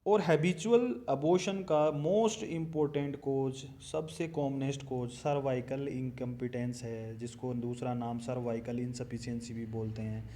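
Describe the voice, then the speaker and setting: A man's voice: mid-range voice, steady tone, measured pace, few pauses, dark tone. Hindi-speaking man teaching a lecture. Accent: Indian English. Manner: explains step by step, asks questions and answers them himself. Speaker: nursing exam teacher. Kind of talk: recorded lecture.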